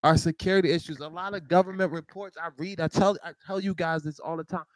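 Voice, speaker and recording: Show host, male, high bouncy voice, animated rant, close dry mic. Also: fast, no room sound, poor audio. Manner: animated ranting with laughs and repeated restarts. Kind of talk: live talk show monologue.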